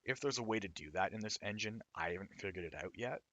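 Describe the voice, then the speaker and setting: A man with a hoarse, raw throat, casually explaining his own game while he plays it. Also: fairly low pitch, fast, bright, forceful tone, no room sound, lo-fi sound. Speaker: indie game developer. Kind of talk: let's-play commentary.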